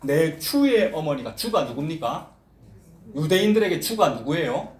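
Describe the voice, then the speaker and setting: A male pastor delivers a lively sermon, his voice leaping up and down as he acts out quoted lines and fires questions at the congregation. His voice sits a little high for a man. The sound rings around an echoey church hall. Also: normal speed. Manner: animated preaching, quoting voices and asking the congregation questions. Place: church sanctuary.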